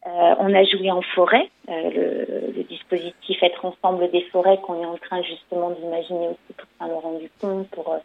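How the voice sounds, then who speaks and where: Over phone-line audio, a French-speaking woman storyteller and performer answers questions in a radio interview. Her voice is lowish, creaky and flat, at a moderate pace with few pauses, and she sounds hesitant, full of fillers and restarts.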